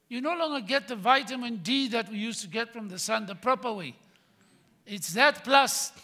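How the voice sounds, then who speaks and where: Older guy preaching slow, bright high voice, loud bursts then quiet bits, long church reverb. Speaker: pastor. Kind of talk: sermon. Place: church hall with pulpit.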